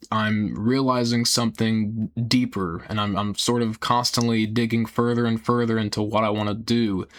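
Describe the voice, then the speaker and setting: Young man, lowish voice, rambling personal talk, halting delivery, trailing sentences, earnest, casual swearing. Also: a bit bright. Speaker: video creator.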